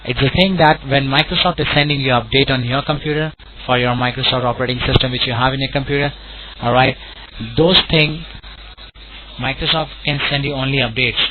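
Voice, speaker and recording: A man's voice: mid-range voice, fairly even intonation, brisk. A man with an Indian accent working as a call center tech support agent, talking in a polite, wordy, repetitive way over the phone. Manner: polite, wordy, repetitive, often saying sir and all right. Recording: tinny phone line with clear noise.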